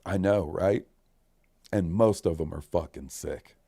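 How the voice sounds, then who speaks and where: A man hosting a podcast in casual chat, excitable and swearing a lot. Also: low-pitched, unhurried, gravelly, slightly rough, no echo, studio quality. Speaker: podcast host.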